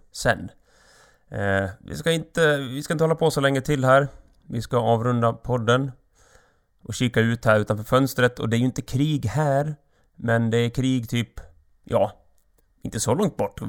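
A man hosts his own podcast alone, with a mid-pitched voice that sits in the usual range. He rambles from one thought to the next in an offhand way. His humor is crude and loose. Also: gravelly. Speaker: podcast host. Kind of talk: solo comedic podcast monologue.

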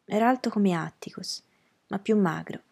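Breathy-voiced woman reading a novel. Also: mid-range voice, moderate pace, darkish tone. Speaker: audiobook reader.

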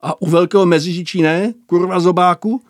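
A man's voice: a little high, no room sound, studio quality, lightly acted. A man voicing a foul-mouthed young senior conscript who bullies recruits and barks orders. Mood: barking. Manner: swearing, shouting orders.

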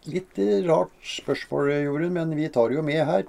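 A woman's voice: low-pitched, gravelly, dark tone, slight background noise. A woman hosting a podcast, reading listener questions and musing hesitantly, often murmuring agreement. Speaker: podcast host who reads listener questions. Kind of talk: casual podcast chat.

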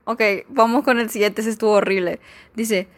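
A woman's voice: fairly high pitch, steady tone, normal speed. A young woman, chatting casually as she reads jokes aloud, giggly and full of fillers. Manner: giggly, chatty, filler-heavy, mock-exasperated. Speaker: vlogger reading jokes.

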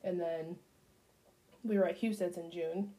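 A woman's voice: on the low side, fairly even intonation, a little slow, warm tone, rough recording. Woman co-host, chatty rambling storyteller, laughs often, casual. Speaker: podcast co-host. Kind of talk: casual chat.

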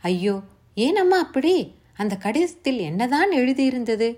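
A woman's voice: high-pitched, sing-song, unhurried, darkish tone, pitched above the performer's own voice, heavily acted. A woman voicing a curious, eager young woman who presses with pleading questions in a storybook reading. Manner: pleading, wide-eyed questions.

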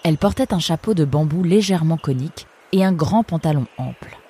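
Low-voiced woman reading a storybook. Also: animated, fairly quick, warm tone, slight background noise. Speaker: audiobook reader. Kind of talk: storybook narration.

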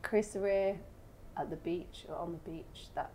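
A woman's voice: lowish voice, a little slow, dark tone, a little hiss or hum. A woman co-hosting a wine podcast, laughing often and describing wines vividly. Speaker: podcast co-host. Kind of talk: casual podcast chat.

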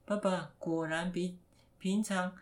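A father telling a story to his young child, asking gentle, patient questions along the way. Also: high-pitched, fairly even intonation, slow.

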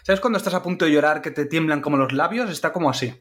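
A man, co-hosting a casual podcast and steering the conversation in a relaxed, chatty way. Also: fairly high pitch, racing. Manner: leads the topics, conversational and laughs easily. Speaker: podcast co-host. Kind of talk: casual chat.

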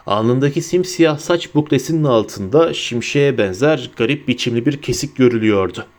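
A man narrating an audiobook in an expressive storytelling manner, slowing down for emphasis. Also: mid-range voice.

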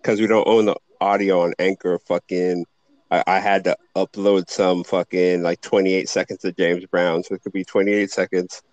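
A man's voice: low-pitched, flat delivery, normal speed, a little mellow, no echo, dull audio. A man hosting a podcast over a call, chatting loosely with lots of swearing. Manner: loose, profane storytelling. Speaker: podcast host. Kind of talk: casual chat.

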